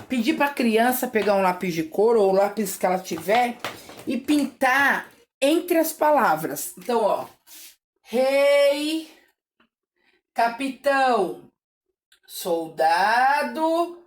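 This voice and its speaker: A Brazilian woman teaching families how to read nursery rhymes with children, chanting words slowly syllable by syllable between explanations. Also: fairly high pitch, slight background noise. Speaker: literacy teacher. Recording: echoey room.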